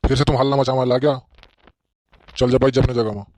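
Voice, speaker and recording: A man's voice: medium pitch, flat delivery, a little fast, close to an everyday voice. A man playing a scolding village schoolmaster, speaking with a tinge in a comedy skit. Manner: loud, scolding.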